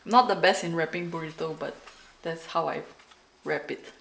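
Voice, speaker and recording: Young woman cooking vlogger, chatty and self-mocking, bright voice, roomy kitchen sound. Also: low-pitched, normal speed, vocal fry, distant mic. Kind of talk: casual cooking vlog.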